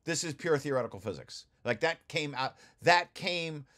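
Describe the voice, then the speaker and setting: This man's slightly high, fairly bright voice is expressive, and he talks at normal speed. Leading a study group, he presents a research paper with an informal technical explanation over shared slides, often restarting and going back over his phrases.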